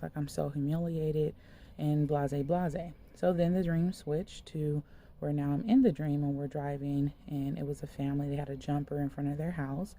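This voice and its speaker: Woman minister, gravelly low-pitched voice, casual rambling sermon delivery, faint background hiss. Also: mellow. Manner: conversational, loose, many fillers like "like". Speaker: minister sharing a dream. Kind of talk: casual spoken sermon, retelling a dream.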